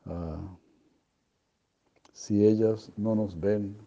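A gentle young boy god who speaks softly and with care, voiced by a man reading from a storybook. The voice underneath is low, dark and husky. It is a plain reading with little put-on change. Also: steady tone, extremely slow, lo-fi sound, full character voice.

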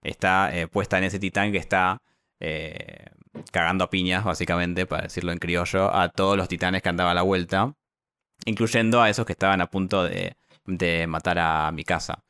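A man's voice: low-pitched, steady tone, normal speed, fairly bright tone, clean tone, no room sound, studio quality. A man with an Argentine accent, chatting casually and recapping a story with many fillers and restarts. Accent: Argentine Spanish. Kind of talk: casual chat.

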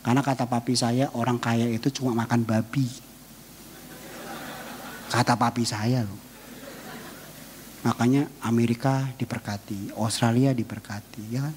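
A man preaching a sermon as pastor, emotive and telling personal stories, swinging between loud and hushed and joking with the congregation. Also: mid-range voice, fairly even intonation, moderate pace, long pauses, big-room sound, slight background noise.

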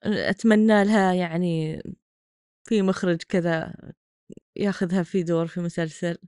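A woman's voice: on the low side, steady tone, normal speed, darkish tone, clean tone, dry recording. Sarcastic woman, dry close mic. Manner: mocking, exasperated. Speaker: podcast host reacting to clips. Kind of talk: sarcastic commentary.

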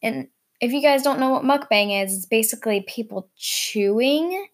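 A woman's voice: fairly high pitch, moderate pace. A young woman talking casually to her viewers. She is upbeat and chatty, rambling from one thought to the next with plenty of fillers. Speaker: vlog host. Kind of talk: casual vlog chat.

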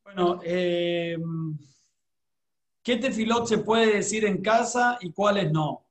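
High-pitched male host, hesitant questioner. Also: slow pace, reverberant. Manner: hesitant, with fillers. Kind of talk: asking questions in a talk.

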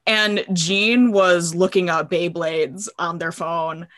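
A young woman in her twenties co-hosting a casual podcast chat, telling stories with laughter and animated quotes. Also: lowish voice, slow pace. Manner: laughing, storytelling, animated quoting. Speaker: podcast co-host.

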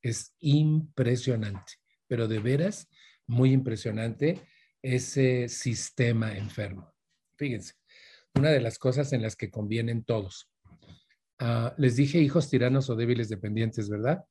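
A man's voice: mid-range voice, measured pace, dark tone, husky. A man with a Mexican Spanish accent gives a conversational talk to a live audience, speaking straight to his listeners and weaving in stories from his own life. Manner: addresses listeners directly, mixes in personal stories. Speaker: speaker giving a talk on parenting.

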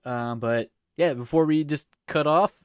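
A man's voice: a little high, unhurried, clean tone. A man hosting a podcast in laid-back casual chat, swearing now and then. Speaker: podcast host.

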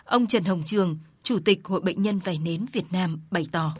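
A woman reporter reading scripted news narration in a steady, formal way. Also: lowish voice, normal speed, slightly rough, no echo.

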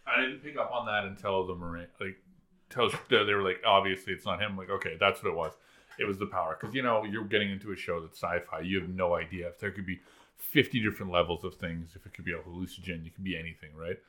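A man's voice: deep voice, fast, sharp tone. A man appearing as a guest on a podcast, giving his impressions in loose, rambling chat with many restarts. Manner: rambling, restarts often, uses lots of filler.

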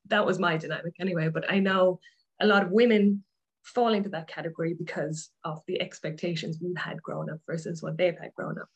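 A woman's voice: lowish voice, steady tone, brisk, husky, muffled recording. A woman in her thirties with an Irish accent, a guest on a casual podcast, who talks candidly, mocks herself and laughs often. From Ireland. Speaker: guest life coach.

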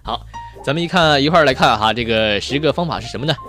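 A man's voice: mid-range voice, lively intonation, fast talker, a bit bright, soft background music. A man hosting a show in a chatty, playful way, telling jokes and then giving advice to his listeners. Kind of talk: joke telling and advice talk.

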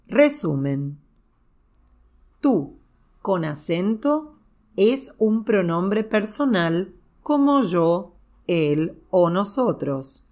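A woman presents a scripted grammar lesson at an extremely unhurried pace, spacing her words out carefully. Her voice sits fairly low for a woman, yet it moves up and down a lot, lifting and dropping on each example. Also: a little mellow. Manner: slow, deliberate, clearly enunciated teaching delivery. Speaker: Spanish teacher and podcast host.

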